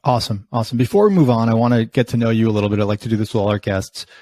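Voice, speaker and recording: A man's voice: on the low side, racing, warm tone, no echo. A man hosting a podcast interview, asking questions eagerly and often restarting his words. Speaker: podcast host. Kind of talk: conversational interview.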